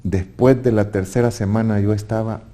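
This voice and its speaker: Man, Salvadoran accent, earnest testimony, warm dark tone, slight hesitant restarts. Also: lowish voice, fairly even intonation, normal speed. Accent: Salvadoran Spanish. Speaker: guest giving a testimony. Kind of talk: personal faith testimony.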